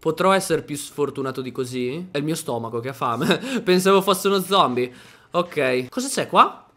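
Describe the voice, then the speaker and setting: A man commentating his own Minecraft let's play, excitable and talking to himself and his viewers, with sudden panicky outbursts. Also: a little high, moderate pace. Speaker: gaming youtuber.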